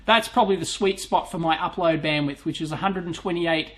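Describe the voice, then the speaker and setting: A man's voice: fairly high pitch, fairly quick, fairly bright tone. A young man with an Australian accent, hosting a live question-and-answer stream and chatting casually, with blunt swearing and a rising lift at the ends of his sentences. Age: young adult. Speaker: electronics vlog host.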